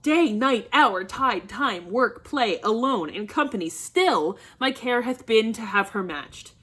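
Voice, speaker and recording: A woman reading an angry, domineering old father, a nobleman, who bursts into shouting and scolding. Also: medium pitch, a little slow. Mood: furious.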